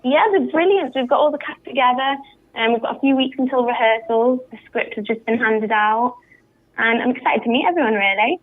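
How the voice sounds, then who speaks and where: A young woman from northern England, a pantomime actress, chats enthusiastically and upbeat in a radio interview over the phone. Her voice is a little high and brisk, and the telephone line sounds muffled and tinny.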